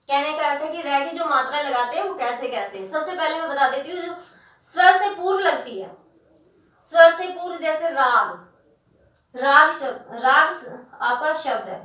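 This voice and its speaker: A woman's voice: very high-pitched, pushed and bright. A woman teaching Hindi grammar to students in a patient classroom manner, stretching out syllables and often checking that they follow. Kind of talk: classroom lesson explaining spelling. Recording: echoey room, voice from a distance.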